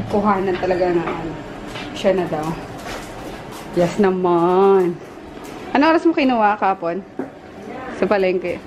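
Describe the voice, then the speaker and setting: A woman vlogging her daily life, chatty and laughing often, with high squeals when she gets excited. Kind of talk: casual daily-life vlog. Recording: noisy handheld camera recording.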